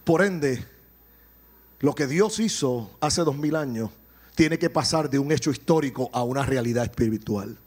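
A Puerto Rican man preaching a sermon, animated, swelling to shouts and dropping into joking asides. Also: mid-range voice, normal speed, husky. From Puerto Rico.

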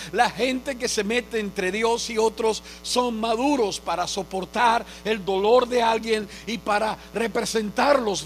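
Pastor guy from cuba, fairly high voice, earnest sermon that gets fervent. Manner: earnest storytelling preacher, rising to fervent proclamation.

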